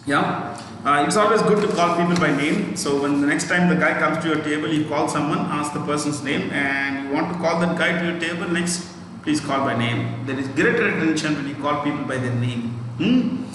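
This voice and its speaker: A man with an Indian accent, not a native Hindi speaker, teaches a live banking exam lesson, repeating and spelling out key phrases as he dictates and checking in with the listener. His pitch is fairly high and his pace moderate. The distant mic records an echoey, reverberant room with faint noise.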